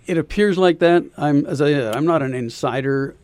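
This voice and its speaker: Radio guest, man, insurance consultant, steady explainer, dry close sound. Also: on the high side, clear, resonant tone, no room sound. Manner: measured, explanatory, with pauses and fillers. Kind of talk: radio interview answers.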